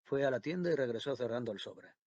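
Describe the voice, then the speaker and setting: A man narrating a classic novel in a measured, even audiobook reading. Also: mid-range voice, no room sound, highs cut off. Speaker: audiobook reader. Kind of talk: scripted literary narration.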